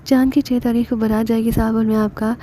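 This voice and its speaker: A woman voices a fussy manservant in an audiobook. He grumbles and trips over his words, in a fairly high, very mellow and dark tone. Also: flat delivery, fast talker, slight background noise, close to an everyday voice. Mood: grumbling. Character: fussy, cheeky male household servant.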